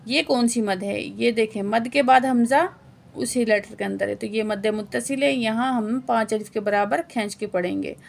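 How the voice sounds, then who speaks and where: This word-by-word tajweed lesson comes from a woman with a fairly high, gravelly voice. She breaks each word into its letters and vowel marks, chants it slowly with long, drawn-out sounds, and quietly answers her own quiz questions in quick asides.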